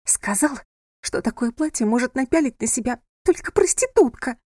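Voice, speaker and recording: A woman voicing a panicky, dramatic young bride who wails and complains in a high, loud voice. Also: animated, moderate pace, no echo, clean studio sound. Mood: panicked. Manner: hysterical, wailing.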